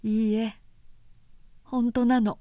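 A woman reading the part of a restless older sister with a hoarse, urgent voice. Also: on the high side, little pitch movement, takes it slowly, warm tone, no echo, clean studio sound. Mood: confessing.

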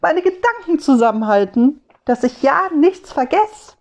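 A woman's voice: sits high, big pitch swings, unhurried, voice pushed up, exaggerated voice. Woman doing a snappy, flustered stressed man. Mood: annoyed. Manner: snappy, flustered, stumbling over words. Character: stressed, irritable grown man, short-tempered.

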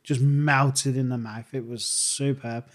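A man with a Birmingham accent, co-hosting a podcast in casual chat, enthusiastic and quick to laugh. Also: mid-range voice, steady tone. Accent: Birmingham English. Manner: enthusiastic, laughs often, says "banging" and "mate". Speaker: podcast co-host.

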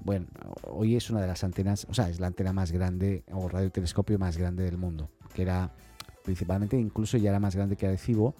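A man's voice: lowish voice, warm tone. A man hosting a tech news podcast, talking casually with many fillers and restarts. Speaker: podcast host.

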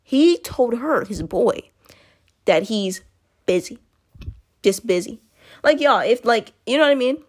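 A woman's voice: a little high, animated, unhurried, long pauses. A woman talking casually to her listeners in a loose, rambling monologue, often correcting herself mid-sentence and calling out to the audience.

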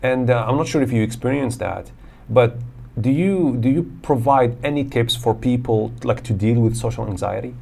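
A man's voice: mid-range voice, normal speed, creaky, a little mellow. A man hosting a podcast, asking questions in casual conversation, often repeating words as he starts. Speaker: podcast host.

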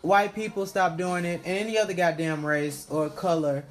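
Blunt, higher-pitched man in casual podcast chat. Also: steady tone, moderate pace, faint music behind. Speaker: podcast co-host. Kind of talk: casual, profane opinionated chat.

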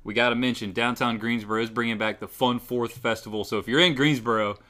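Guy hosting a podcast, bright tone, easygoing and upbeat, laughs easy. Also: mid-range voice, steady tone, quick pace. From North Carolina. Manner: upbeat, laid-back, laughs easily. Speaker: podcast host. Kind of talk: casual chat. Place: small local studio.

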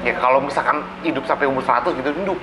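A man's voice: mid-range voice, rapid-fire. A man in his late twenties with a Jakarta accent, chatting casually in Jakarta slang sprinkled with English words. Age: late 20s. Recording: muffled, echoey, noisy location with vehicle sounds.

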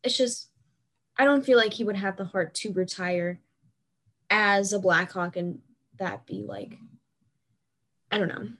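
A young woman chatting casually about hockey with friends, animated and full of fillers. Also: medium pitch, unhurried, long pauses.

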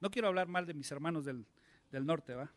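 A man's voice: fairly high pitch, a little fast. A male pastor, preaching a conversational sermon and asking his congregation many questions.

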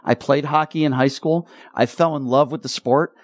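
On a sports talk radio show, a male host speaks earnestly but haltingly, repeating words and choking up with emotion. His voice is mid-range and steady in tone, with no room sound.

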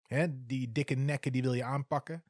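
A man in his forties from the eastern Netherlands speaks in a relaxed, conversational way. He often pauses on filler sounds while he gathers his thoughts, and his voice sits at an ordinary middle pitch. The recording is dry, with almost no room sound. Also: no room sound. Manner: candid, hesitant, with many filler sounds. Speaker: football club supporter. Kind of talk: casual spoken storytelling.

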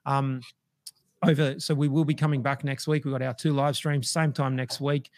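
A man hosts a business livestream, talking in a flat, even tone. He loops through fillers and restarts, and his voice is wearing thin. The sound is dry and close. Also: mid-range voice, moderate pace, dry recording. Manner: rambling, with many fillers and restarts. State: losing his voice. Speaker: livestream host. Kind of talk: casual business livestream talk.

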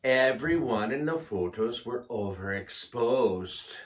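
Co-host, male, slow and animated joke-teller, playful delivery. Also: very noisy. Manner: slow, playful joke-telling with lively pitch. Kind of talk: casual comedic chat.

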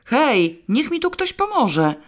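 A woman's voice: fairly low pitch, expressive, measured pace. A woman voicing Alicja, a brusque, impatient woman in an audiobook, giving curt, dry commands.

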